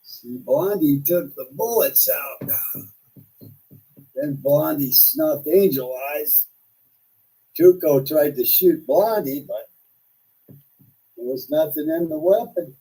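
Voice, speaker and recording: A man's voice: on the high side, lively intonation, slow pace, long pauses, warm tone. A man hosting a casual, rambling live stream with a combative, profane way of talking. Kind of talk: casual rambling livestream monologue. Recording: distant microphone.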